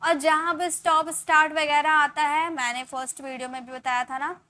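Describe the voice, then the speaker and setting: Bright high-voiced Indian woman teaching English. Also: level tone, normal speed. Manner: explains step by step, repeats example sentences and asks the class to answer. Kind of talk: spoken English lesson.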